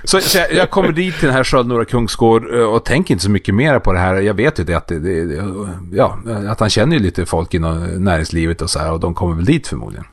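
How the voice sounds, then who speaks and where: A man's voice: lowish voice, hardly any pauses, no room sound. A man from northern Sweden, a magician, telling a story in casual chat and acting out the voices. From Skellefteå, northern Sweden. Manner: animated storyteller, acts out voices, laughs often.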